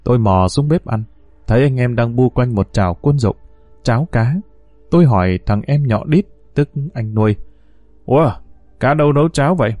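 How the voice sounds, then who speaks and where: A man's voice: mid-range voice, mellow, no room sound. A man telling a first-person ghost story in a tense, earnest way.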